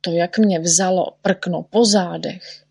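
A woman's voice: fairly low pitch, steady tone, creaky, a little mellow, husky, dry recording, clean studio sound. A woman voicing a clumsy, boastful little male shorty who yelps and whines about pain. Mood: whining. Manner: whiny, yelping, scared of pain.

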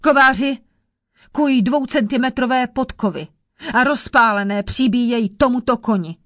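A woman's voice: on the high side, expressive, fairly bright tone, no room sound. Woman putting on a sulky sly old-tale sorcerer, bossy, dry close sound. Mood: commanding. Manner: sulky, scheming. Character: grumpy cunning male sorcerer.

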